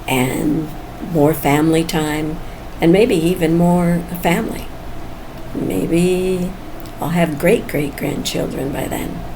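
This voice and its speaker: This woman, almost seventy, has a fairly low, creaky voice. In her personal vlog she speaks casually and openly, thinking aloud and chuckling often, with noisy ambience behind her.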